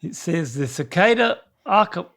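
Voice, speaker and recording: Folksy older Southern man, creaky high-pitched drawl. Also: very animated, a little slow, a bit bright. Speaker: co-host. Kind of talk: casual chat.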